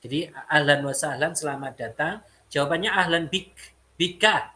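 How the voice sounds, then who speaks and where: A man's voice: a little high, moderate pace, sharp tone. A man teaching an Arabic lesson, explaining step by step and repeating phrases. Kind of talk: classroom lesson.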